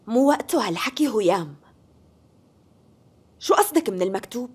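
A proud, wary sultan's sister. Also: female voice, on the high side, big pitch swings, moderate pace, slightly rough, full character voice. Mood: suspicious. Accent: Syrian Arabic. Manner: cool and suspicious. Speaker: dub actress. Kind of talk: dubbed TV period drama.

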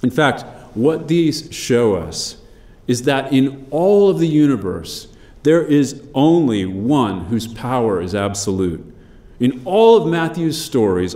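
A man preaching a sermon, measured and emphatic, slowing down on key phrases. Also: lowish voice, warm tone, echoey room. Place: church.

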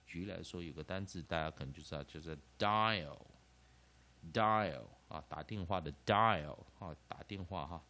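A man's voice: sits low, a little fast, few pauses, dull audio. A man with a Taiwanese Mandarin accent, giving a classroom-style English phonics lecture, who keeps tagging phrases with "ah" and "ha" and repeats key terms. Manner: lively, peppers phrases with 'ah' and 'ha', repeats terms. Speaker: English teacher.

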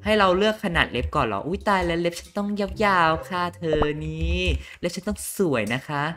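A man's voice: expressive, brisk, a bit bright. Boastful young beauty queen, a man putting her on, squealing diva voice, comedic game role-play, game music behind. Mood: preening. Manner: shrill, dramatic, squealing.

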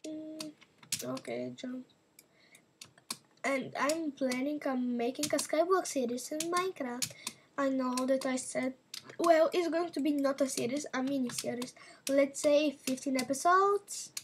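Woman, gaming commentary, rambling chat, slow pace, faint background noise. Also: high-pitched. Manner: chatty and rambling, talking to viewers while playing. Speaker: gaming channel host. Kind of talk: casual gameplay commentary.

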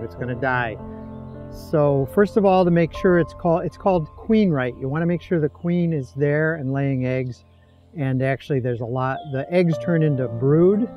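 Recorded outdoors in his backyard, a sixties-aged hobby beekeeper from upstate New York chats about his hives as he works. His slightly high voice comes out loose and hesitant, peppered with fillers.

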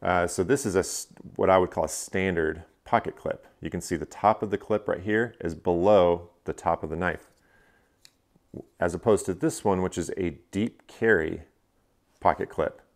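Seated on a couch in his living room, a fishing channel host in his thirties casually reviews gear, explaining each step with frequent fillers. He has a low voice and a moderate pace.

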